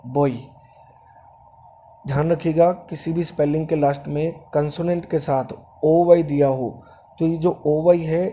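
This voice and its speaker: A man's voice: a little high, warm tone. A man teaching English pronunciation as he works through exam answers one by one. He explains patiently, repeats the key words and rounds off each point with a short check-in. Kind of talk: exam answer walkthrough lesson.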